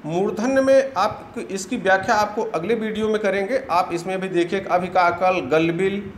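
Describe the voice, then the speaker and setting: Male teacher, high voice, patient step-by-step delivery; roomy recording. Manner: slow, patient, repeats terms one by one. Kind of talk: grammar lesson explaining a diagram. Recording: echoey room with faint hiss.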